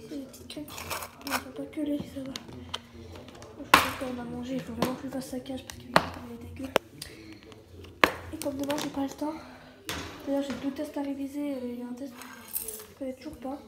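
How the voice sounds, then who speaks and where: Rambling hoarse woman vlogger, high voice, roomy noisy home recording. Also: flat delivery, fairly quick, pauses often. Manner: rambling, chatty, slangy. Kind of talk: casual vlog chat.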